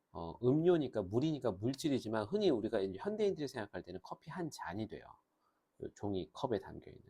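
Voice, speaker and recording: A man teaching English grammar in a lively lecture, pausing to say English phrases slowly and clearly. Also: lowish voice. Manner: animated, switches between Korean and slow, drawn-out English phrases.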